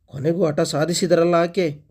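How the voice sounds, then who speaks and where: A man's voice: fairly high pitch, level tone, normal speed, darkish tone, lightly acted. A man voicing a proud, hurt young housewife in a spoken story, with a tense, clipped inner voice.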